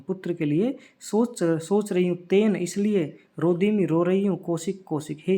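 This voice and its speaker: This is a man teaching a lesson. His voice sits a little on the higher side. He reads the text phrase by phrase and after each one explains what every word means, at a patient, steady pace.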